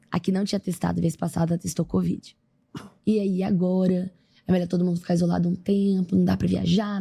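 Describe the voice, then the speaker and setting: A woman's voice: mid-range voice, creaky. A young Brazilian woman, an athlete, animatedly retelling her story in a casual interview, acting out what others said. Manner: lively, animated retelling with quoted voices. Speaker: podcast guest, athlete.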